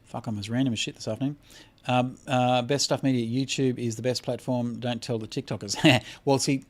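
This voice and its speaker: A man's voice: mid-range voice, steady tone, brisk. Australian man, livestream host, casual chat Q&A, blunt and sweary, worn out. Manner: blunt and profane, swears freely. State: tired. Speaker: credit repair lawyer and livestream host.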